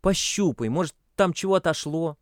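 A man voicing a level-headed boy who talks quietly and clearly, with doubt. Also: on the high side, animated, moderate pace, dry recording, clean studio sound, voice pushed up, close to an everyday voice. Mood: doubtful.

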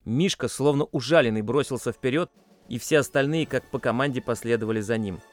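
A man reading a suspenseful audiobook with tense, expressive storytelling into a close mic. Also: mid-range voice, brisk, soft background music. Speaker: narrator. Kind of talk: dramatic audiobook narration.

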